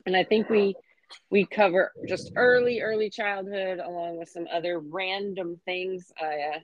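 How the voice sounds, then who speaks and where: A woman's voice: fairly low pitch, fairly even intonation, normal speed, no room sound, dull audio. Chatty woman in her forties, dry sound. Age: 40s. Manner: chatty, laughs easily, many fillers. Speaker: podcast co-host. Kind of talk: casual chat.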